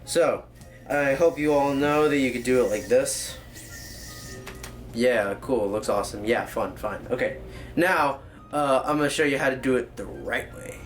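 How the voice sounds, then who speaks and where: Over soft background music, a man with a medium-pitched, slightly slow voice hosts a casual, joking tutorial. He explains things like a rambling professor, drifting into tangents and correcting himself along the way.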